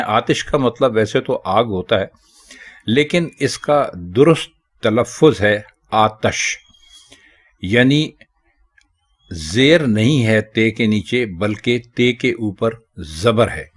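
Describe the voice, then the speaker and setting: A man teaching Urdu, explaining correct spelling and pronunciation of common words in a measured, deliberate way. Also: fairly low pitch.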